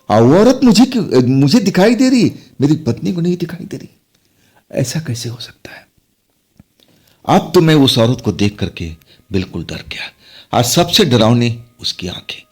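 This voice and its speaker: A man's voice: medium pitch, a little mellow. A man telling a first-person horror story in a dramatic, suspenseful way. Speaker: narrator. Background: faint music.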